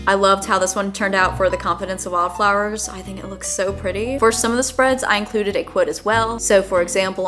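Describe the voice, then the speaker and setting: Chatty young woman with lilt. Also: medium pitch. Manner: chatty, upbeat, lightly sarcastic asides. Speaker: book YouTuber. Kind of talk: casual vlog voice-over. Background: soft background music.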